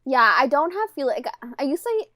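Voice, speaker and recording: A young woman chats on a book podcast, a rambling storyteller who leans on fillers. Her voice sits a touch high and moves through a wide, lively range. The recording is dry and close, with no room sound. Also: normal speed, no room sound. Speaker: podcast co-host. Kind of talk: casual chat.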